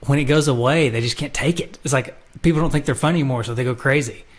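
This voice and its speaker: A man's voice: medium pitch, fast talker. A man co-hosting a casual podcast, teasing the others and giving blunt opinions. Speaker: podcast co-host.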